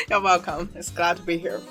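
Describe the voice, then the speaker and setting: Bright-voiced co-host. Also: medium pitch, huge pitch swings, normal speed, soft background music. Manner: patient, corrects tones plainly. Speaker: podcast co-host. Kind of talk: casual chat.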